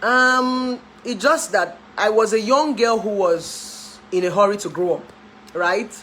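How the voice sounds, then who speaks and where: A woman's voice: medium pitch, slow, fairly bright tone, a little hiss or hum, low-quality recording. Chatty Nigerian woman in her thirties. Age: 30s. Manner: chatty, laughs often, dips into pidgin. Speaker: relationship therapist. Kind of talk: casual chat to camera.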